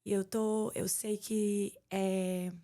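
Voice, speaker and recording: A pastor in her forties from Paraíba, a woman speaking with a Northeastern Brazilian Portuguese accent, is a guest in a conversational interview. Her mid-range voice is mellow and level, with drawn-out words. She comes across as earnest and reflective, often restarting her sentences.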